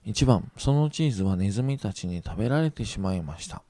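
A man teaching English grammar, patiently repeating each example sentence slowly and reassuring his students. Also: fairly low pitch, animated, warm tone, no room sound. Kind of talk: recorded grammar lesson.

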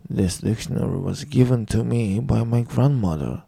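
A man teaching English grammar, patiently repeating each example sentence slowly and reassuring his students. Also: medium pitch, vocal fry, dark tone, slightly rough, no room sound, studio quality. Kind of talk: recorded grammar lesson.

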